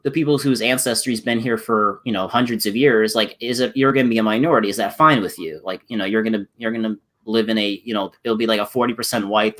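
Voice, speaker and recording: A channel host with a mid-range, slightly bright voice takes part in a casual political discussion. He rambles, restarting his sentences often and using lots of fillers.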